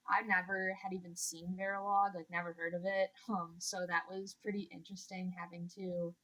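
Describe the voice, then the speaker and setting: A woman's voice: on the low side, fairly bright tone, poor audio. Casual young woman from Illinois. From Illinois, USA. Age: young adult. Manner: casual, many "like" fillers. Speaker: undergraduate guest. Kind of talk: casual interview.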